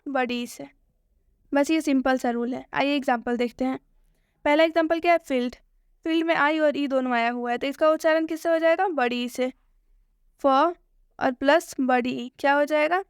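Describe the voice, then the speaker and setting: A woman's voice: high voice, no echo, studio quality. A woman teaching English pronunciation in an online lesson, explaining step by step and answering her own repeated questions.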